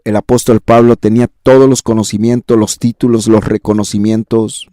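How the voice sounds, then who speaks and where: A man's voice: on the low side, flat delivery, moderate pace, warm tone, no echo, studio quality. A man preaching a sermon in an emphatic, repetitive cadence with rising exclamations. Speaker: pastor.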